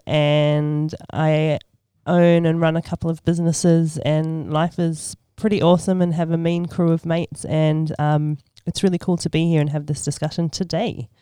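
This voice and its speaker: Thoughtful woman from Australia, smooth voice. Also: deep voice, fairly even intonation, measured pace, hardly any pauses, dark tone, dry recording, clean studio sound. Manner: thoughtful, hesitant, many ums. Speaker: podcast guest. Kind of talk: casual podcast chat.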